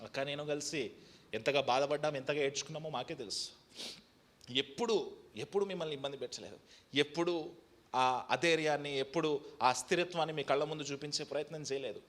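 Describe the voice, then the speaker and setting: A male pastor delivers an impassioned sermon, his bright, somewhat high voice climbing into loud calls before dropping to a hushed, confiding tone. English phrases come through. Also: fairly quick, pauses often. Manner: impassioned preaching that swings between loud, high exhortation and low, quiet testimony; mixes English phrases into the preaching.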